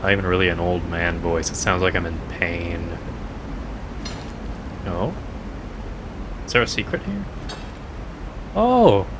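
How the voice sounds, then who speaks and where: A man's voice: sits low, animated, slow pace, pauses often, heavy background noise. A man streaming a game, chatting playfully and joking to himself as he plays. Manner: playful, jokey, talking to himself. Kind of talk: casual gameplay commentary.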